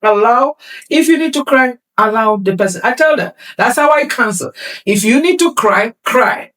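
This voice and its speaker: A woman's voice: fairly high pitch, expressive, normal speed, fairly bright tone. A middle-aged woman talking as a talk show guest, emphatic and motivational, repeating her phrases for stress. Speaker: guest, community leader and counselor.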